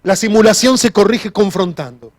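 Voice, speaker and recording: A man's voice: high voice, moderate pace, no echo. A man preaching a sermon as pastor, earnest, restarting sentences and repeating key phrases.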